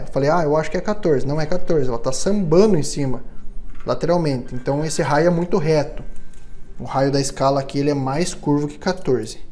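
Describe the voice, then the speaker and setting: A man walks through a guitar setup in a patient, explanatory way and keeps checking that the viewer follows. His voice sits a little high for a man, with a mellow, soft tone. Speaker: guitar luthier instructor. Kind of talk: step-by-step instrument setup tutorial.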